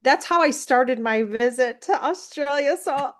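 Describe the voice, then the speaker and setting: A woman in her sixties from the United States, telling a story as an interview guest in an animated, rambling way with many fillers. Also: sits high, a little slow. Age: 60s. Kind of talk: casual storytelling.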